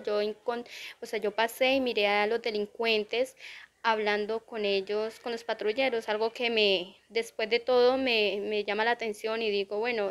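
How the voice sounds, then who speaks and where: Indignant woman with a flat voice. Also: a little high. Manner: indignant, repetitive complaint. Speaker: burglary victim. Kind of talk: news interview testimony. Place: outdoors near a drainage channel.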